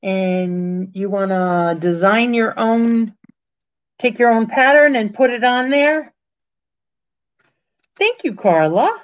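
A woman's voice: on the high side, slow, long pauses. A woman in her sixties hosting a casual live-stream auction from home, chatting unhurriedly and thanking viewers by name over a webcam. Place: small room at home, indoors. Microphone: webcam on a computer, video call. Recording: dull lo-fi webcam audio.

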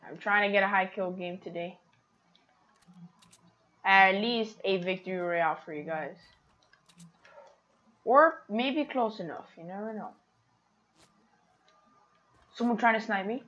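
Female streamer, chatty and excitable, mid-range voice, slightly dull lo-fi mic. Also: mid-range voice, unhurried, pauses often. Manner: chatty, excitable, talks to viewers. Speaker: gaming streamer. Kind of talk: casual gameplay commentary.

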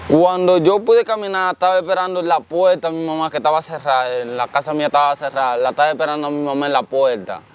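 A man's voice: on the high side, fast, few pauses, clean tone, muffled recording. A man with a Dominican accent, telling his own story in an interview, earnest and repetitive, often thanking God. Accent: Dominican Spanish. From Dominican Republic. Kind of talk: casual storytelling.

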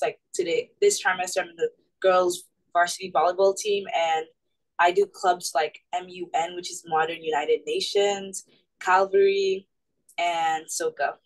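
Brief: teen girl from Uganda, low-pitched, casual student intro on a video call. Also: rough recording. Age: teens. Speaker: student panelist.

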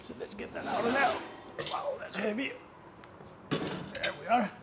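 A man hosting a cooking show, calmly explaining each step as he cooks, often chuckling. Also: sits high, measured pace, heavy background noise. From Northern Europe. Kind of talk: casual cooking demonstration.

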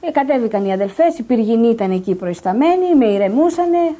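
A woman's voice: on the high side, animated, dark tone. A distressed middle-aged woman giving agitated, insistent testimony in a news interview, repeating her points. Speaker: interviewee, patient's daughter.

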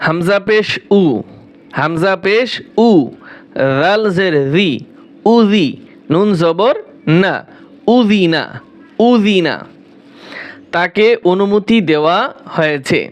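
A man with a high voice and a Bangladeshi Bengali accent teaches Quran reading in a slow, deliberate lesson. He spells out each syllable, repeats it and asks questions he then answers himself.

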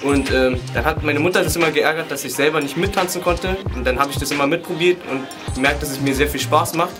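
Calm young man over music. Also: a little high. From Germany. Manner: calm, measured, with fillers. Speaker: hip hop dancer. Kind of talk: casual interview talk. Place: indoors beside a wooden wall. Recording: music playing under the voice.

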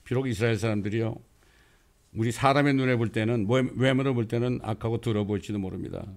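A male pastor delivering a sermon, telling stories and rising into loud quoted passages. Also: mid-range voice, quick pace. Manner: storytelling preacher, bursts into loud quoted lines.

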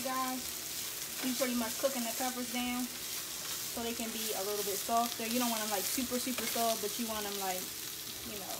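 A young woman chatting through a cooking tutorial in her home kitchen, calling viewers "y'all", on a camera mic by the stove. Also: mid-range voice. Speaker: cooking vlogger. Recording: loud sizzling kitchen noise. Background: sizzling frying food.

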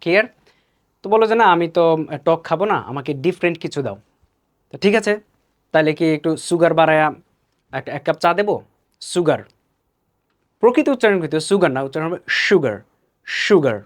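A man with a Bangladeshi accent gives a pronunciation lesson, his voice sitting a little high. He explains each word, then repeats it slowly and carefully so the learner can copy it. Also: expressive. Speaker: English pronunciation teacher.

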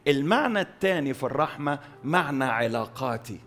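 A male pastor with an Egyptian Arabic accent preaching a sermon, pushing key words loud, letting line endings fall soft, and repeating phrases for stress. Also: medium pitch, expressive. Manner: emphatic, swings between loud stresses and soft drawn-out endings. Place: church hall.

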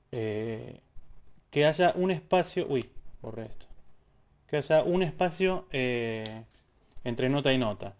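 A man's voice: on the high side, a little mellow. A man teaching a casual music theory lesson, explaining step by step and singing syllables to show rhythms.

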